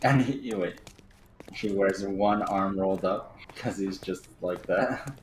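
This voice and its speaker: Low-pitched man chatting over a game. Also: measured pace, slight background noise, poor audio. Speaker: video game player commenting. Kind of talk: casual gameplay chat. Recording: game music behind the voice.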